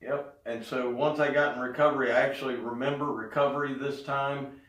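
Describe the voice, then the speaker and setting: A middle-aged man giving a casual spoken update, talking haltingly with pauses in mid-sentence. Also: medium pitch, steady tone, fairly bright tone. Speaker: vlogger giving a health update. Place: indoors in an echoey room. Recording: echoey room, distant mic.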